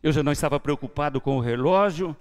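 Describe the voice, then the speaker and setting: A Brazilian pastor preaching a sermon, his voice a touch higher than most men's. He tells his own story, dropping to near-whispers and then climbing back loud. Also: fast talker. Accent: Brazilian Portuguese. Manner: storytelling with lively swings between hushed and loud. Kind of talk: sermon testimony. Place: church.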